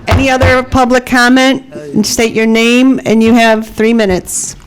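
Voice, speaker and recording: A woman's voice: on the high side, little pitch movement, a little slow. A woman chairing a public meeting with short procedural remarks. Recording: clearly noisy meeting room.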